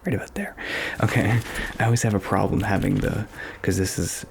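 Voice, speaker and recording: Man, hushed ASMR ramble, often whispering, crackly fry, informal, close mic, clearly noisy background. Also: lowish voice, steady tone, fairly quick. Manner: informal, rambling, thinking aloud. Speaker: ASMR video creator. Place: small home studio bedroom with acoustic panels. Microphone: stereo XLR microphone, close up. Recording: clear background noise, clicks.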